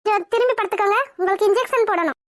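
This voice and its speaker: Woman playing a wheedling scheming nurse, high cartoon voice, dry sound. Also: racing, no room sound. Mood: coaxing. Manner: coaxing, wheedling. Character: scheming bribed nurse, sly and nervous. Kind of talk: cartoon voice acting.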